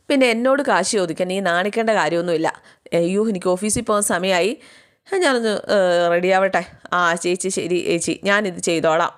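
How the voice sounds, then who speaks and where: A woman casually retelling a TV serial's plot, chatty and acting out the characters' lines herself. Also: on the low side. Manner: chatty, with tags like "you know" and playful voices for the characters.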